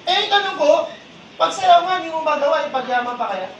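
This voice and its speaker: A man's voice: very high-pitched, expressive, brisk, fairly bright tone, slight background noise. A man leading a live training seminar, teasing and quizzing his audience in call-and-response. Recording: echoey hall, distant mic, audience murmur.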